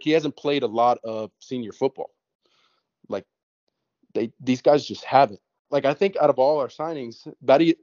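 A man's voice: medium pitch, mellow, no echo. A man from the United States talking football on a podcast panel, casual and hesitant, often restarting his sentences. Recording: dry, dull lo-fi mic.

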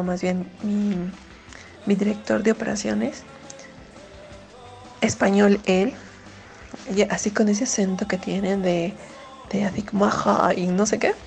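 Radio co-host, woman, chatty storyteller, dark gravelly tone. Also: medium pitch, poor audio. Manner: chatty, animated storytelling with many fillers. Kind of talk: casual radio commentary and anecdote.

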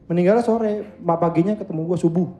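Guy cohosting a live comedy podcast, high voice, echoey venue sound. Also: warm tone, muffled recording, faint music behind. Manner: quick teasing, laughs often. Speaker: podcast co-host. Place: live show venue with audience.

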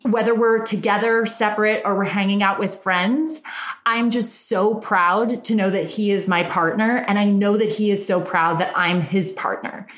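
A woman's voice: medium pitch, fairly even intonation, moderate pace, fairly bright tone. A woman with a Valley Girl accent, a relationship coach giving a chatty, emphatic motivational talk. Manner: chatty and emphatic, repeats words for stress. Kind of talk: motivational monologue. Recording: roomy echo.

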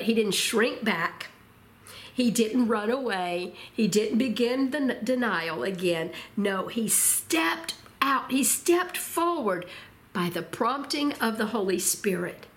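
Expressive woman preaching a sermon. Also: mid-range voice. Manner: expressive, slows for emphasis; asks rhetorical questions. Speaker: Bible teacher.

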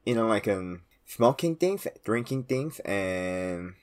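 A man's voice: fairly low pitch, lively intonation, slow. A man in his twenties from South Korea with a Korean accent, explaining things casually in non-native English phrasing and having trouble pronouncing his V sounds. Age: 20s. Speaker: podcast co-host explaining Korean customs.

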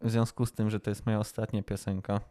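A man's voice: fairly low pitch, flat delivery, fast, dark tone. A man co-hosting a podcast, chatting casually, explaining things and joking along. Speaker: podcast co-host. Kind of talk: casual improvised chat.

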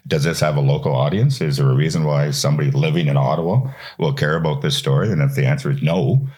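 A man's voice: rumbling low, fast talker, a little mellow. A man talking as a guest on a podcast about his publishing work, chatty, repeating and restarting words as he goes. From Canada. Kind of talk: casual podcast interview.

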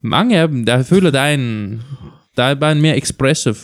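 Casting: man, mid-pitched, rambling casual podcast co-host who acts out scenes. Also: animated. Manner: rambling, restarts, acts out gym moments. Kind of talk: casual chat.

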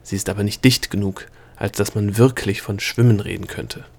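A man voicing a snappish, lecturing male gnome guide in an audiobook reading, brisk and curt. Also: lowish voice, fairly even intonation, vocal fry.

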